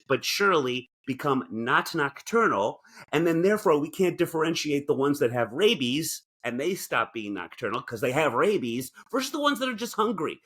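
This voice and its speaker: On the high side and husky with a bit of brightness, this man's voice belongs to a talk show co-host. He banters casually for laughs, reads from articles, and adds mock-indignant theatrical asides.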